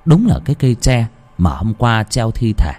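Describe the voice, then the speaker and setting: A man narrating a ghost story with expressive delivery. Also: lowish voice, moderate pace, husky.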